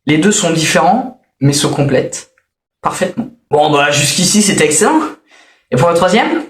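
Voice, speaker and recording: A man's voice: a little high, very animated, normal speed. Grumbling man reviewing albums in an echoey room. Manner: grumbling, hesitant, many fillers. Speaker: music reviewer. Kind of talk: casual review commentary.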